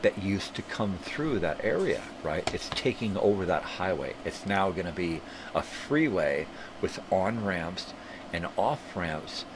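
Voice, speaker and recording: An older man hosts a live stream, sniffly from a cold and rambling through casual, profane tangents. His voice sits low with lively intonation at a measured pace, and a background hum is clearly audible.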